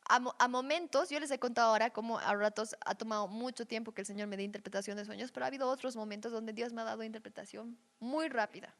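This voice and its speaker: A woman's voice: fairly high pitch, steady tone, fast, few pauses, a bit bright. Woman teaching in a reverberant hall. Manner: conversational, checks in with listeners. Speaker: Bible teacher. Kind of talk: teaching session on dreams.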